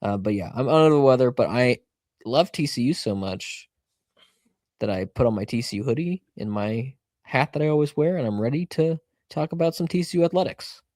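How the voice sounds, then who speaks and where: A man's voice: medium pitch, lively intonation, fairly quick, darkish tone, dry recording, clean studio sound. A man co-hosting a casual sports podcast from his bedroom, congested with a cold and rambling with self-mocking humor. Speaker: podcast co-host. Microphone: home setup in bed on video call.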